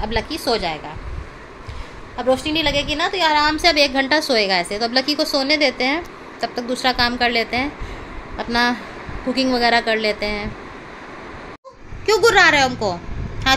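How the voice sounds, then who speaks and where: A woman with a high, bright voice coos and teases her pet dog in a casual home vlog. She slips into playful baby talk. She sounds chatty and affectionate, recorded indoors at home. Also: lively intonation, normal speed, long pauses, a little hiss or hum. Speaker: pet owner vlogger.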